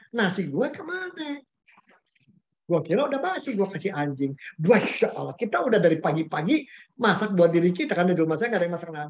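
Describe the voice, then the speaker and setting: A man, a pastor giving a conversational webinar talk, telling anecdotes in a chatty way with slang and English words mixed in. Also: high voice. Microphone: webinar video call. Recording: dull lo-fi webinar audio.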